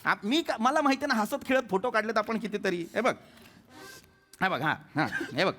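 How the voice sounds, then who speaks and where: Comic husband, high lively voice, pleading, stammers, loud music behind. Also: male voice, moderate pace. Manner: pleading, stammering, repeats himself. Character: pleading sheepish husband, fond of his drinking buddy. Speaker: comic actor in a sketch. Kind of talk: stage comedy sketch.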